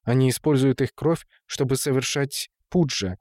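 A man voicing a calm, sensible wife. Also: mid-range voice, normal speed, dry recording, studio quality, natural voice.

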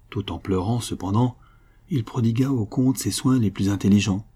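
Low, husky male audiobook narrator. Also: warm tone. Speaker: audiobook reader. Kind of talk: scripted narration of a classic novel.

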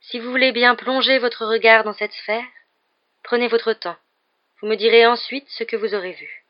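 A man voicing a fussy female seer teacher, speaking softly in a breathy murmur. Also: very high-pitched, fairly even intonation, moderate pace, highs cut off, pitched above the performer's own voice. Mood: murmuring, ominous.

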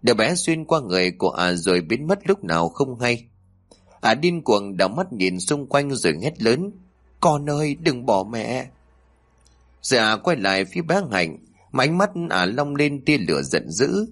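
A man narrating a horror story in a dramatic, expressive voice. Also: medium pitch, moderate pace.

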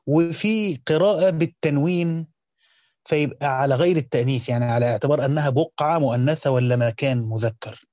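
A man with an Egyptian Arabic accent reads a classical Quran commentary aloud and explains it, shifting between careful formal reading and casual colloquial asides. His medium-pitched voice is a little mellow, captured in a dry, clean studio recording.

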